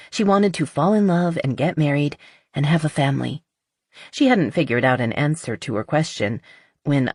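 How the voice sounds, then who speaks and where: A woman narrating an audiobook novel in measured storytelling. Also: low-pitched, husky, dry recording, studio quality. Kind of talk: scripted narration.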